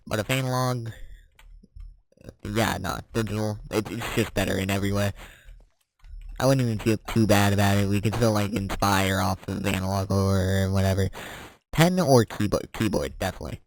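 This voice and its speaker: A teenage boy chatting casually while playing a game, rambling and correcting himself as he answers quick questions. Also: on the low side, steady tone, a little hiss or hum. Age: teens. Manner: rambling, self-correcting, chuckling. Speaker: gaming vlogger.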